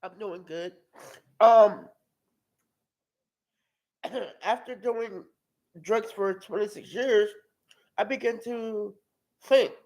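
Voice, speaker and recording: Halting, high-voiced young man giving testimony. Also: a little mellow, poor audio. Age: 20s. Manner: halting, repeats and restarts words. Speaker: testimony speaker at a live-streamed outreach. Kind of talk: personal testimony.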